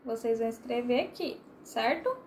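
A woman's voice: fairly high pitch, expressive, moderate pace, a little mellow, a little hiss or hum. A woman teaching a remote literacy lesson to first graders in Brazilian Portuguese, patiently drawing out syllables for young children.

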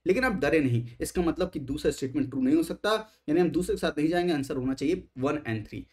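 A man's voice: a little high, expressive, quick pace. A man teaching exam strategy, speaking emphatically, asking rhetorical questions and mixing English terms into his Hindi.

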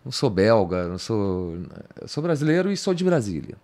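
Very animated and a little fast, with a lowish, darkish voice, a fifty-something man from Brazil chats as a podcast guest in a home music studio. The interview talk is casual and loose; he restarts sentences and ends them with "cara" or "entendeu?". A studio mic on a boom arm captures him.

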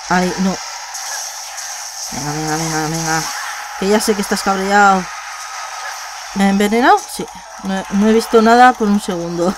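A woman gamer with a Spain Spanish accent, giving let's play commentary; she gets excited, swears and repeats words. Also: medium pitch, background noise.

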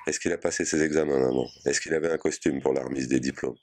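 Brief: young male prisoner, guilty, evasive, subdued, read by a man with a very deep voice. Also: steady tone, fast talker, darkish tone. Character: guilt-ridden young male prisoner talking to his mother.

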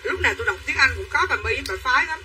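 Very fast and high-pitched, with lively intonation and a pushed, bright quality, a woman hawks dresses on a livestream. She chats with viewers, calling them sisters; the recording is distant with faint room noise.

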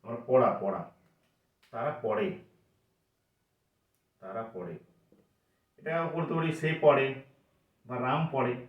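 A man's voice: medium pitch, animated, takes it slowly, long pauses. A man teaching an English grammar lesson, patiently asking questions and then answering them himself. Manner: patient, asks and answers his own questions. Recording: echoey room, voice from a distance, dull sound.

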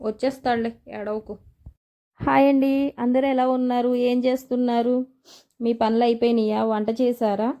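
A young woman vlogger talking softly and earnestly to her viewers, recorded on a device's built-in mic without a microphone. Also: on the high side, flat delivery, moderate pace, smooth. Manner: soft-spoken, chatty and earnest. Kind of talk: casual chat to viewers. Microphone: no microphone, phone or camera built-in mic.

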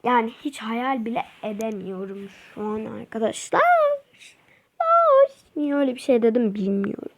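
A woman runs her own gaming channel, delivering chatty, excitable let's-play commentary and crying out as the game unfolds. Her voice is on the high side, at a moderate pace.

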